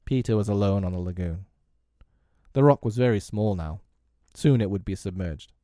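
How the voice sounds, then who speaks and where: A man narrating a storybook in a gentle, measured reading. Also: on the low side, no echo, clean studio sound.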